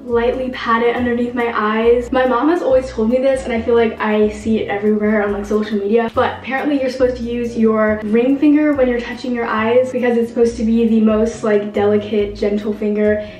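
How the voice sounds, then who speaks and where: A woman's voice: a little high, fairly even intonation, a little fast, hardly any pauses, a little mellow, faint music behind. A young woman with a groggy morning voice, chatting casually through her skincare routine and filling her speech with "like". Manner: chatty, filler-heavy with frequent "like". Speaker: beauty vlogger. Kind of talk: casual makeup tutorial chat. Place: small home bathroom. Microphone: camera on a shelf at a distance. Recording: echoey bathroom, voice from a distance.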